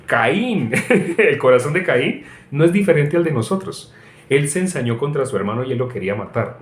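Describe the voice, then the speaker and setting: A man's voice: mid-range voice, slight background noise. Preacher man, echoey room. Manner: animated, tells anecdotes, mocks voices, frequent laughs. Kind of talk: informal sermon with personal stories.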